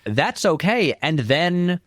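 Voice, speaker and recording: This interview guest, a film critic and video essayist, offers conversational commentary that's informal, discursive and emphatic. His voice is on the high side, a bit bright and very animated, though he takes it slowly. It's clean studio sound with no echo.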